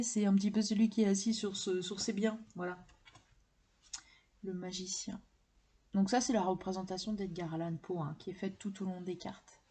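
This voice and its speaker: Here a tarot and oracle deck collector presents her decks to camera in a casual, excited ramble full of fillers. She speaks in a mid-range voice with a dark tone.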